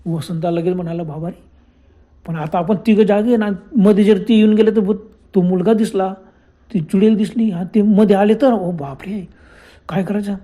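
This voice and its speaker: A man narrating a first-person ghost story in dramatic, exclamatory storytelling that drops to hushed tones at the tense moments. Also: high-pitched, steady tone, a little fast. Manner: dramatic, frequent gasped exclamations, acts out friends' fearful lines. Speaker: horror storyteller.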